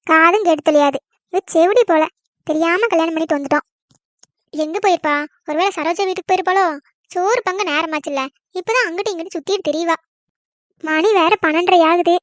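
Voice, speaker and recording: Someone voicing a shrill nagging mother-in-law. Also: no room sound. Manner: nagging, scolding loudly. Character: grumbling village mother-in-law, aching and scolding. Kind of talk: cartoon comedy voice acting.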